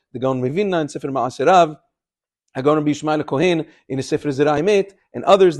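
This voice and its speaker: A man with a somewhat high voice speaks as a rabbi teaching a class. He explains points of religious law in an instructive, partly unscripted way. Hebrew religious terms are woven all through his English.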